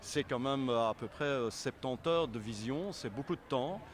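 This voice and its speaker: Man, mid-pitched voice, conversational interview, explanatory, faint city noise behind. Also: normal speed. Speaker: film selection association member being interviewed.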